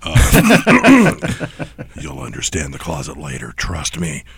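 A man voicing a grumpy, crude mystery man hiding in a closet, talking in gruff, clipped phrases. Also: a bass voice, wildly swooping pitch, takes it slowly, no echo, heavily acted.

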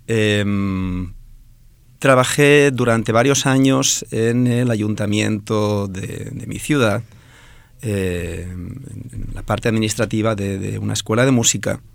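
This professor talks slowly, his fairly low voice marked by vocal fry, and the recording has no echo. He's a Valencian native speaker in his forties from Alicante with a Spain-Spanish accent, and he responds to interview questions thoughtfully, hesitating often.

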